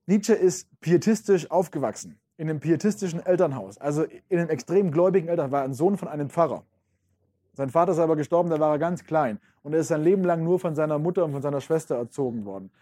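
A man's voice: fairly high pitch, quick pace, mellow. A man giving an informal lecture, talking casually to his listeners with many fillers.

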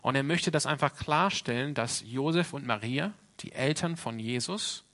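A native English speaker from Sydney, Australia, with an Australian English accent preaches an informal sermon. He sounds plain-spoken and earnest, at medium pitch, moderate pace, and a fairly bright tone.

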